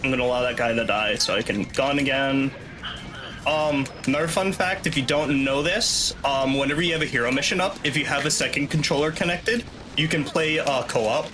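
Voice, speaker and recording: A young man with a mid-range voice talks a little fast, giving casual, chatty commentary while he speedruns live at a charity marathon, explaining as he plays and swearing casually. He's in a small indoor room at home, with background noise and video game music behind him.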